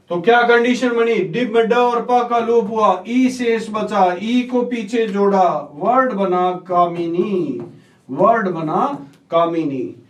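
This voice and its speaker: Heard from afar in an echoey room, this high-voiced man runs an online grammar class. Calling his pupils "बेटा", he poses questions, supplies the answers himself, and says every answer twice over.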